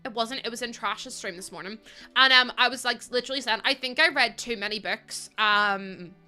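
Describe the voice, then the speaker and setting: With soft music in the background, a woman with a fairly high voice chats casually with her livestream audience at a moderate pace. She laughs often, stays chatty, and welcomes her chat warmly.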